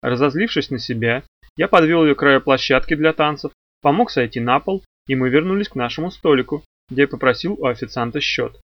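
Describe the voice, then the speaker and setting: A man's voice: medium pitch, a little fast, no room sound, dull audio. A man narrating a detective novel in the first person, with a dry, ironic telling. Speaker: audiobook narrator.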